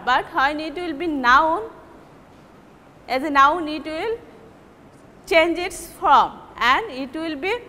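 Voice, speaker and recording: A woman with a Bangladeshi English accent teaching word stress in a measured way, repeating the example words slowly. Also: high-pitched, pushed and bright. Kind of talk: classroom lecture on word stress. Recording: reverberant room with faint ambient noise.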